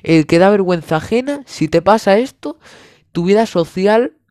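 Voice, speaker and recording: A man's voice: high voice, lively intonation, moderate pace, darkish tone, no room sound, studio quality. A young man with a Spanish accent from Spain, delivering a sarcastic comedic monologue full of exaggeration and swearing.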